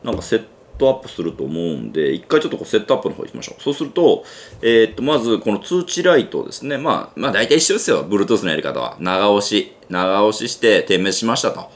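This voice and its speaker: A man's voice: on the low side, big pitch swings, fast. A man with a Kansai accent hosting a casual gadget unboxing review, chatty and thinking aloud with lots of fillers. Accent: Kansai Japanese. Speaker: gadget reviewer and channel host.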